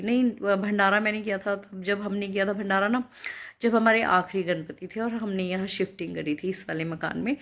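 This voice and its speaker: A woman in her thirties talks to her viewers in a casual, rambling vlog, restarting sentences and filling pauses as she goes. Her voice sits at an ordinary pitch, and when she turns to advice she speaks earnestly and directly. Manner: chatty, rambling, with many fillers and restarts. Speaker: vlogger. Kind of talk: casual personal storytelling.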